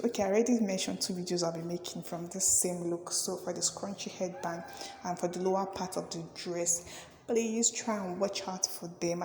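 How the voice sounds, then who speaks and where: A woman's voice: fairly low pitch, darkish tone, slight background noise. Chatty young woman vlogger, echoey room. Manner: chatty and effusive, repeatedly urging viewers to like and subscribe. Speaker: fashion and sewing vlogger. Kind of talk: casual chat to camera. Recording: echoey room with long reverb.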